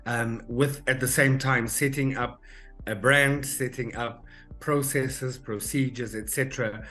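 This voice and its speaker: A South African man in his forties, a recruitment manager answering podcast interview questions in a measured way, with many ums and uhs. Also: mid-range voice, steady tone, pushed and bright, soft background music. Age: 40s.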